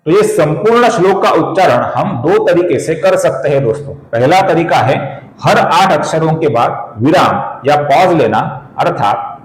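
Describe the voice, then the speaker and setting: A man hosting a spiritual channel, teaching correct Sanskrit pronunciation in Hindi and slowly chanting verses. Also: on the high side, lively intonation, echoey room, rough recording. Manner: slow deliberate chanting of verses, explaining sounds; addresses viewers as friends, earnest and instructive.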